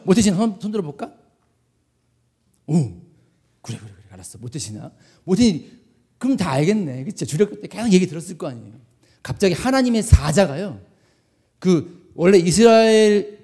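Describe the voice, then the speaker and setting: A man preaching a sermon to young people, telling a story with animated energy and asking the crowd questions. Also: high-pitched. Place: church meeting hall.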